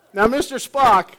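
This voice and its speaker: Brief: a middle-aged male chaplain preaching, high and unhurried, chatty with fillers. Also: pushed and bright. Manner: joking and storytelling with frequent fillers. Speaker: hospice chaplain. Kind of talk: sermon.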